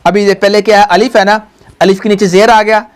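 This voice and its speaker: A woman's voice: medium pitch, flat delivery, a little fast. A woman, a Quran teacher patiently guiding a pupil, drawing out each syllable and having it repeated. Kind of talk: patient recitation lesson.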